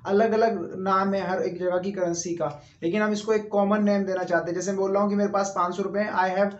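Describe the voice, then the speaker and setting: A man from India with an Indian English accent, teaching English in a chatty video lesson, often checking in with the viewer and spelling example sentences out slowly. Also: sits high, flat delivery. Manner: chatty, keeps checking with tags like "right?". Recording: echoey room, dull lo-fi sound.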